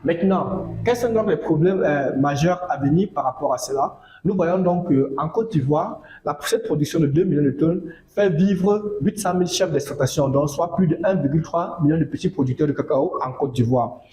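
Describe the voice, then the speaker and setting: Casting: male farming educator, fairly high voice, mellow, unhurried, echoey room. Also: slight background noise. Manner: measured, repeats phrases and uses fillers. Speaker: agricultural educator. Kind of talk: informative monologue.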